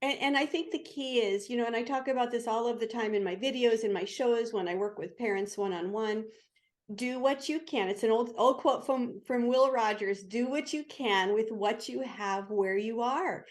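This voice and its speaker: A woman's voice: fairly high pitch, normal speed. A woman hosting an interview show, speaking in an encouraging, reassuring way to parents and her guest. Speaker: show host.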